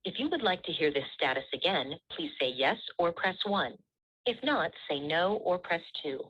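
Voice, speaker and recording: Husky low woman on a recorded phone menu. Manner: measured, even, polite. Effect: recorded phone menu voice heard over a speakerphone. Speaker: automated phone system prompt. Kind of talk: scripted automated phone menu prompts. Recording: muffled speakerphone audio.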